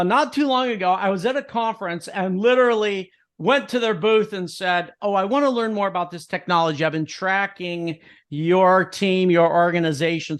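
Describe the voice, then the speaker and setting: A man hosting a podcast, interviewing a guest in a chatty, joking way. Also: high-pitched. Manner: chatty, jokey, quick bursts of speech. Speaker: podcast host. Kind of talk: casual interview.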